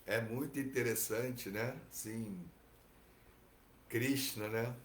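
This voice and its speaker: A man with a Brazilian Portuguese accent teaching from scripture, relaxed and digressive, often adding tag questions. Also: on the low side, echoey room, slight background noise. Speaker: Bhagavatam teacher. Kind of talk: reading and commentary on scripture.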